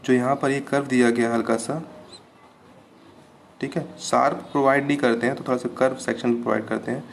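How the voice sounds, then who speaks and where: A male engineering lecturer speaks a gravelly, creaky voice at an ordinary pitch. He teaches patiently, repeating each term and stopping to ask if everything is clear. A faint background hiss sits under the recording. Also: steady tone, a little fast. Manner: patient, repeats terms with "ठीक है, clear है" checks. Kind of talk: classroom lecture.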